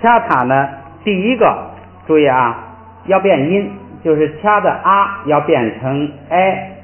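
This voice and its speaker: A man's voice: a little high, animated, unhurried, faint music behind. A man teaching a spoken lesson with patience, saying each syllable over and over for the class to drill. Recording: tinny phone-like recording.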